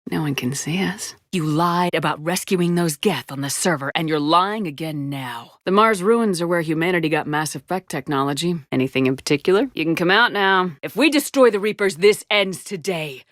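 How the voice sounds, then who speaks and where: A woman's voice: on the low side, normal speed, few pauses, dry recording, clean studio sound, natural voice. An actress playing a tough, resolute female military space commander in a sci-fi video game, firm, commanding and blunt. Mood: serious. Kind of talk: cinematic sci-fi game dialogue.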